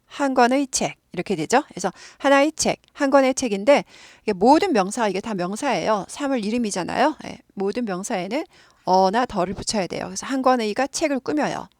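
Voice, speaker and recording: A woman's voice: on the high side, animated, fairly quick, darkish tone, no room sound, clean studio sound. A woman teaching an English lesson, explaining patiently and repeating words many times for learners to copy.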